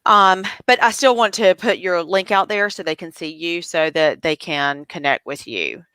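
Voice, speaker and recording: A woman's voice: fairly low pitch, animated, normal speed, bright, forceful tone, clear, resonant tone, dry recording. A woman hosting a casual live interview, chatty and troubleshooting aloud, with a cough drop in her mouth. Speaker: livestream host.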